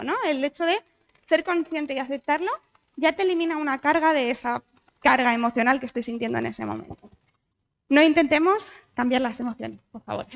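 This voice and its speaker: A woman from Spain, a psychologist, giving a conversational talk in a church, often asking the audience questions. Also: high voice. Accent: Spanish from Spain. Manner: lively, asks the audience questions, frequent tag questions. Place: church hall.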